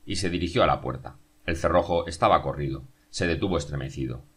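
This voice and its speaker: Male audiobook narrator, very low voice, steady measured read. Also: husky.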